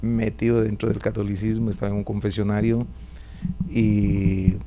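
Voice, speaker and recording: A middle-aged man with a Guatemalan Spanish accent speaks as a pastor in an interview. His voice is low and gravelly with noticeable fry. He talks in an easy, chatty way and keeps tagging his sentences with a questioning "right?", over a faint mains hum. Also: little pitch movement, moderate pace, mellow, soft background music. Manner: chatty, often tags lines with a questioning "right?". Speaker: pastor and prophet, interview guest. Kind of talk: relaxed testimony interview.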